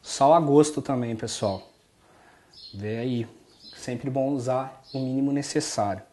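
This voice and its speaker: A cooking show host in his thirties, with a Brazilian Portuguese accent from the interior of São Paulo, casually walks viewers through a recipe. He's relaxed and chatty, constantly addressing the audience, with a medium-pitched voice at a measured pace. The setting is a home kitchen and an outdoor street market.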